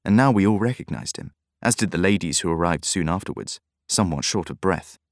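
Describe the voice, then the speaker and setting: Deep-voiced man reading a mystery. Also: dry recording, studio quality. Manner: measured, even storytelling. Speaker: audiobook narrator. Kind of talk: scripted narration.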